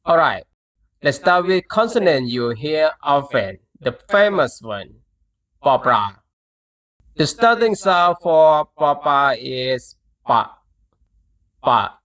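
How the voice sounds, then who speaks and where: Thai-accented man, language teacher, slow measured delivery, bright tone, repeats sounds for practice. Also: a little high, very animated. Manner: slow, patient, repeats syllables for the learner to copy. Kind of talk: pronunciation lesson.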